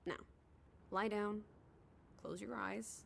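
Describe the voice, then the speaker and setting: A woman's voice: mid-range voice, fairly even intonation, takes it slowly, vocal fry, fairly bright tone, exaggerated voice. An actress voicing a spirited, teasing young woman companion in a video game, breezy, sardonic and a little bossy. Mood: soothing. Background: game music.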